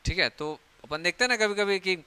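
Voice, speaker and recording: A man's voice: high-pitched, lively intonation, a little fast, sharp tone, smooth, no room sound. A young man teaching biology in a chatty, joking classroom lecture, acting out everyday scenes.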